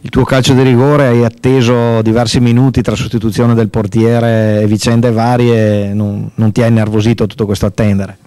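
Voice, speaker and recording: A man's voice: medium pitch, little pitch movement, moderate pace, few pauses, mellow, clean tone, no room sound. A man asking brief leading questions in post-match football interviews. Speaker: sports interviewer.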